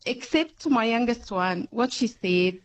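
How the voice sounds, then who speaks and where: A woman with an Egyptian accent, a guest in a radio interview, speaking halting non-native English and laughing often. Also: fairly high pitch, muffled recording, slight background noise.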